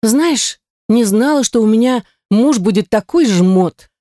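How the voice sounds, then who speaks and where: A woman's voice: mid-range voice, big pitch swings, moderate pace, a little mellow, dry recording, studio quality, natural voice. A woman voicing a sassy young heroine who fires back with cheeky, indignant retorts. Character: sassy young heroine, quick-tongued and defiant.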